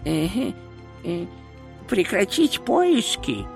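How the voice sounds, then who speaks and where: A man's voice: sits high, very animated, very slow, gravelly, faint music behind, pitched above the performer's own voice, heavily acted. A man voicing a nervous, fussy court astrologer in an audiobook, hesitant and pedantic. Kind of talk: audiobook character voice.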